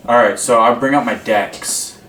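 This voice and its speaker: A man's voice: mid-range voice, fairly even intonation, normal speed, a bit bright, a little hiss or hum. A man playing a tabletop game, easygoing and friendly. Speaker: player. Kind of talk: casual tabletop play. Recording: distant from mic in an echoey room.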